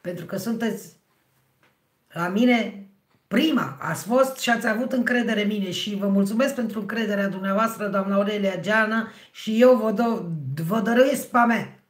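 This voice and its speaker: A middle-aged woman with a hoarse, husky voice, hosting a livestream and chatting with her viewers by name. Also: medium pitch. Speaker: livestream host. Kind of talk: casual livestream chat with viewers. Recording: roomy, echoey sound.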